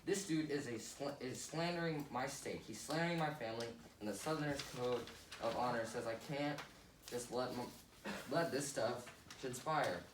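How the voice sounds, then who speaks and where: A man's voice: mid-range voice, moderate pace, close to an everyday voice. A man playing a hot-headed, boastful Southern congressman in a class skit, with a blustering, exaggerated delivery. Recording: echoey room, distant mic, noisy.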